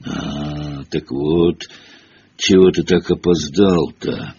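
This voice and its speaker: A man voicing a huge, gruff but good-natured male gamekeeper who talks in a rough, blunt way. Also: very deep voice, fairly even intonation, takes it slowly, mellow, highs cut off, pitched below the performer's own voice, full character voice. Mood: stern.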